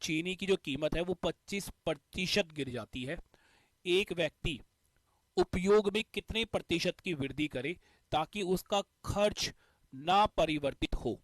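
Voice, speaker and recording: A man's voice: on the high side, unhurried, no echo. A male teacher explaining a math concept step by step, repeating the key points. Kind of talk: exam-prep math lesson.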